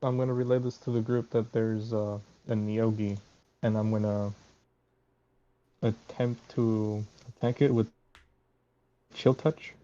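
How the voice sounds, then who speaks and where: A man's voice: fairly low pitch, little pitch movement, a little slow, long pauses, mellow. A man playing in a tabletop game, giving short matter-of-fact answers. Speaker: player. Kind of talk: casual chat at a game table. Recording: dull lo-fi mic.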